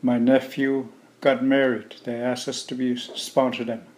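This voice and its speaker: A middle-aged man from Alaska, a native Yupik speaker, answering interview questions in a plain, measured way. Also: mid-range voice, little pitch movement, a little mellow. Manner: slow, plain-spoken, measured. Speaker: interview guest. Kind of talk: relaxed conversational interview.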